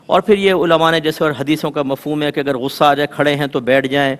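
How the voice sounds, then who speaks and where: A man speaking as a religious scholar on a TV panel, telling folksy examples in a lively way. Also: on the high side, long reverb tail. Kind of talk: televised religious talk.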